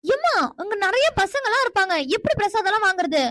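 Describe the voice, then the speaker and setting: A woman's voice: very high-pitched, lively intonation, quick pace, pushed and bright, slight background noise, heavily acted. A woman voicing a shy young woman in a cartoon who whines and pleads with her mother. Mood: whiny. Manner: whining, pleading. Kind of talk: cartoon voice acting.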